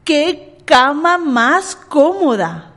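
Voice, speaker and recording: A woman voicing a curious little girl in a storybook, with bright, sing-song exclamations. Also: high voice, sing-song, very slow, voice pushed up, heavily acted. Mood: fussy.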